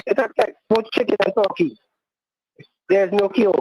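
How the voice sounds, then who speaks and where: A male caller, whose phone line keeps glitching and breaking up as he speaks in a halting, repetitive way. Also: sits high, steady tone, background noise. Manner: halting and repetitive, restarts words. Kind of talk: call-in radio talk.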